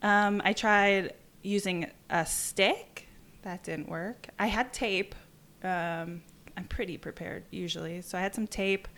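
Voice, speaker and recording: A woman's voice: mid-range voice, slow pace. A young adult woman, a podcast guest, telling a story in casual talk and acting out what people said. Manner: animated, acts out quoted exchanges. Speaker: podcast guest, endurance cyclist. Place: office, indoors.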